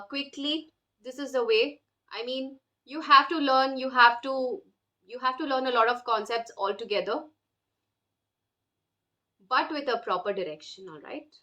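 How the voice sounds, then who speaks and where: A woman gives a beginner language lesson, modeling each word and explaining pronunciation with patience. Her voice sits high and sounds bright and clear. She speaks slowly and deliberately so learners can follow. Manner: explains patiently, drills words for repetition. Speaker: French teacher.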